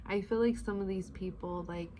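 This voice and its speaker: A woman's voice: medium pitch, steady tone, normal speed, background noise. A woman giving a casual, chatty spiritual reading in a laid-back, slangy stoner manner, rambling and drawing out words. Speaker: tarot-style spiritual advice reader.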